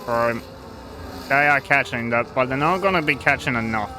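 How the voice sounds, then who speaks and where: A man's voice: medium pitch, moderate pace, background noise. A man giving informal live motorsport commentary on a sim race, hesitant and thinking aloud as he goes.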